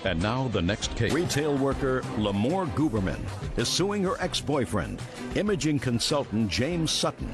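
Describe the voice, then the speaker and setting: A man's voice: medium pitch, big pitch swings, moderate pace, over music. A man announcing court cases in scripted television narration. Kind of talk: scripted case introduction.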